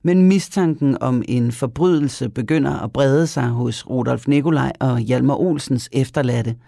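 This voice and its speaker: Gravelly dark-voiced guy doing doc narration, dry booth sound. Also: medium pitch, no echo. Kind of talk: scripted documentary narration.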